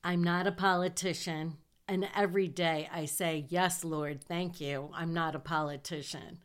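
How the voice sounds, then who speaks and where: A middle-aged woman from southern Michigan hosts her own podcast, talking slowly through a casual personal monologue. Her lowish, nasal voice has fairly even intonation, and she's chatty and self-deprecating, with small laughs.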